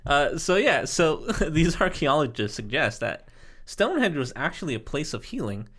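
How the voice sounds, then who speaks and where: A man's voice: fairly high pitch, very animated, normal speed, fairly bright tone. An American man presenting a topic on a casual podcast, hesitant and full of fillers, often breaking into laughter. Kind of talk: casual explanation.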